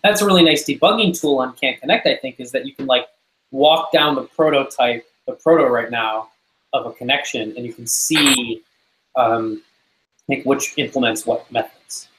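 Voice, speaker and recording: Man, mid voice, roomy call sound, probing developer thinking out loud in a meeting. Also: mid-range voice, moderate pace, slight background noise. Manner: questioning, thinks aloud with many restarts. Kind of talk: technical discussion in a meeting. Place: online contributors meeting.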